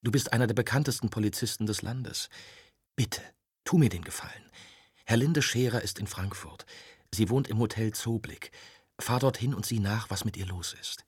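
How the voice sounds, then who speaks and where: A persistent young woman journalist, as a male audiobook reader voices her, presses her case without letting up. The voice sits low and a little husky, and it sounds dry and close to the mic. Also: moderate pace, no room sound. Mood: pleading. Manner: insistent, pleading. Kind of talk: audiobook dialogue.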